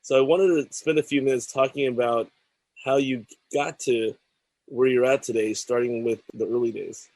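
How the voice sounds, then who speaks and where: A male show host with a middle-pitched voice, reading through tech news in a measured way before he turns to his guest. The sound is close and dry, with no room around it. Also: steady tone, a little mellow, dry recording, rough recording. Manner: measured, reads news items then chats. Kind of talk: scripted news segment and interview.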